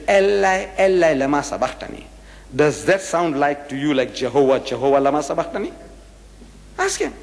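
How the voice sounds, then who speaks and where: An older man giving a public religious lecture, emphatic and lively, repeating and acting out phrases as he argues. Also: high-pitched, in a large hall.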